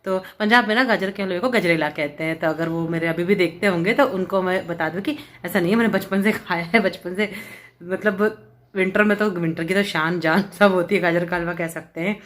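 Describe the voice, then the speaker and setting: A homemaker and vlogger sits at home with a hair dryer, casually telling a story to camera with lots of fillers. Her voice is fairly low, a bit bright and a little fast.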